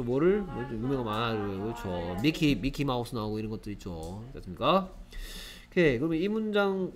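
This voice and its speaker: A man with a slightly high voice teaches an English grammar lesson, keeping it lively and constantly checking in with students through rhetorical questions.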